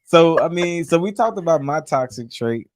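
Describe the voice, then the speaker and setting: A man co-hosting a casual relationship chat, animated, repeating himself and swearing casually. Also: fairly high pitch, normal speed, heavy background noise. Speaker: podcast co-host.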